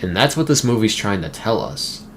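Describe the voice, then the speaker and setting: A man's voice: fairly low pitch, big pitch swings, moderate pace, creaky. Casual man reviewing a movie. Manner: conversational, emphatic, with side remarks. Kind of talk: casual video essay. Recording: faint background noise.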